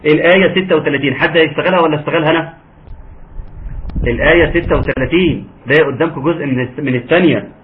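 A fairly high-voiced Egyptian man leads a recitation class, speaking patiently and breaking into long, slow recited phrases. His voice comes through a narrow, phone-like channel with a faint hiss underneath. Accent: Egyptian Arabic. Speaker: Quran recitation teacher. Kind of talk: online tajweed lesson.

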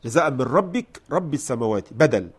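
A man teaching Quran recitation. He shifts between slow, melodic chanting of verses and quick spoken explanations of pronunciation. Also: medium pitch, expressive, husky. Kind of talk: Quran recitation lesson with commentary.

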